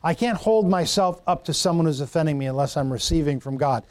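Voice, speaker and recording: A middle-aged man, a pastor with a slightly higher voice, talks fast through a folksy, conversational sermon. He stumbles over Greek words and wanders into homely anecdotes, all captured in a dry, close recording.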